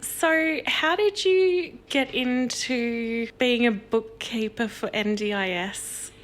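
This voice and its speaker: A woman's voice: fairly high pitch, slow, a bit bright. A woman hosting a podcast, upbeat and enthusiastic in casual chat. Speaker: podcast host.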